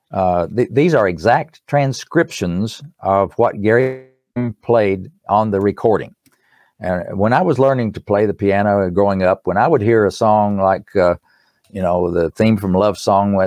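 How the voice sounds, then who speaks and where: Low-pitched East Tennessee man, dry sound. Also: darkish tone, no echo. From East Tennessee, United States. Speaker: musician and author, interview guest. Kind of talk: conversational promotional talk.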